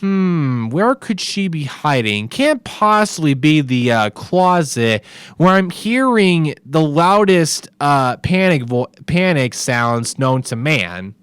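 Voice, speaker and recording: Masked slasher killer musing to himself , as a man puts him on. Sarcastic, slow, mock-puzzled drawl. Smooth voice. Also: fairly high pitch, sing-song, fairly bright tone, no room sound, clean studio sound, exaggerated voice.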